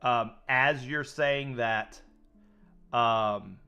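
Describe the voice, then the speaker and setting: A male game master narrates a tabletop game in a slow, halting way, full of fillers. His voice is bright and clear. Soft music plays in the background. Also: mid-range voice, lo-fi sound. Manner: hesitant, many fillers.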